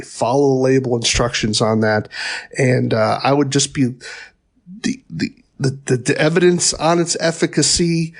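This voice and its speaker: A middle-aged man giving a pest control training talk in a conversational way, with wry asides and frequent fillers and restarts. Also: a little high. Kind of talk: instructional podcast talk.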